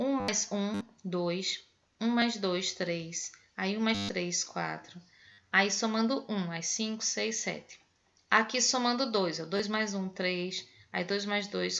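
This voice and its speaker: A woman with a Pernambuco Brazilian accent teaches math over a video call, patiently counting through each example step by step. Her voice sits in a middle pitch range. The online class audio is dull and lo-fi. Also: creaky, fairly bright tone, a little hiss or hum. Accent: Pernambuco Brazilian Portuguese. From Northeast Brazil.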